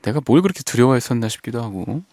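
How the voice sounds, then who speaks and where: A man hosting a radio show in a studio, reading listener messages and reflecting on them in a soft, gentle way that often trails off quietly. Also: medium pitch, expressive, quick pace, no room sound. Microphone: studio microphone.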